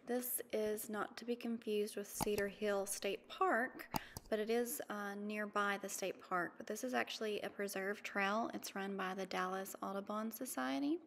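A woman in her thirties narrating a travel vlog in a chatty, easygoing way, with frequent ums and quick laughs. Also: medium pitch, steady tone, creaky, long reverb tail, slight background noise. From mountain region. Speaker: vlogger. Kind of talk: casual voice-over narration.

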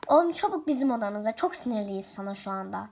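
A woman's voice: medium pitch, animated, quick pace, creaky, darkish tone, a little hiss or hum, pitched below the performer's own voice. A woman voicing a strict stepmother who scolds her stepson sternly in a toy role-play story.

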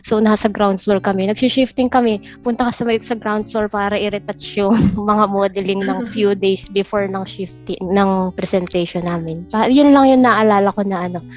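A woman's voice: mid-range voice, fairly even intonation, moderate pace, faint music behind. A young woman from the Philippines, a guest architect telling stories in a casual podcast chat, often laughing mid-sentence. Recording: slightly dull lo-fi audio.

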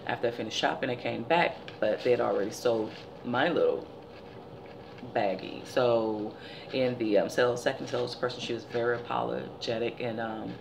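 A beauty vlogger in her forties chats casually about a product haul from her living room, seated by the window blinds. Her deep, gravelly voice sounds a bit tired, and she tells stories in an animated way at normal speed. A steady hiss runs beneath the recording.

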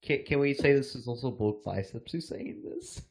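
A man chatting casually on a group podcast, often chiming in with quick corrections. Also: medium pitch, lively intonation, darkish tone. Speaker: podcast panelist.

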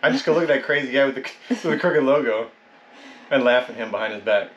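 A man's voice: medium pitch, quick pace, lo-fi sound, slight background noise. A man hosting a vlog, chatting casually with playful, joking banter. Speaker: vlog host. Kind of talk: casual chat.

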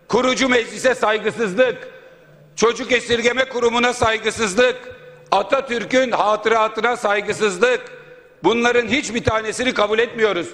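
A man's voice: very high voice, sharp tone. A man speaking as a member of parliament at a podium microphone in a large chamber, making an indignant, rhetorical floor speech that piles up points. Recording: long reverb of a large hall.

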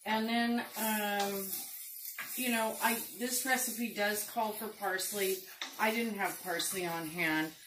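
A middle-aged woman hosting a casual home cooking demonstration, chatty and unhurried with lots of ums. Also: medium pitch, steady tone, background noise. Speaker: cooking show host. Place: home kitchen, indoors. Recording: roomy kitchen with sizzling pan. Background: frying and sizzling food.

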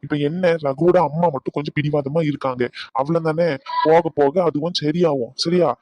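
A man's voice: on the high side, fairly even intonation, a little fast, darkish tone, no echo, close to an everyday voice. A man voicing a firm village woman in a cartoon, who scolds bluntly and then reassures. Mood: scolding. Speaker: voice actor. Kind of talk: cartoon voice acting.

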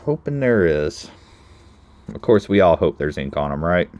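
Low-voiced excitable man opening card packs. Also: moderate pace, dry recording, dull audio. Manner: excitable, talks to viewers, bursts into loud exclamations. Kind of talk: casual pack-opening commentary.

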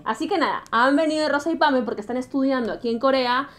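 A young woman hosting a casual interview in a small bedroom, upbeat and lively. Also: high voice, fast. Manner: upbeat, lively, laughs often. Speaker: host. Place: small pink bedroom, indoors.

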